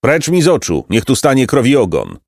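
A man's voice: mid-range voice, huge pitch swings, brisk, creaky, no room sound, studio quality, pitched above the performer's own voice, heavily acted. A man voicing a stern, impatient robber captain who barks orders at his gang. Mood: scolding. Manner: shouting roll-call orders.

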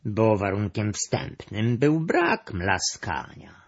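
A curious male cat from a storybook, wondering aloud in a raised, questioning voice, put on by a man reading aloud. The tone is husky and lilting. The recording sounds dull and lo-fi. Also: medium pitch, wildly swooping pitch, takes it slowly, dark tone, pitched above the performer's own voice, full character voice. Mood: puzzled.

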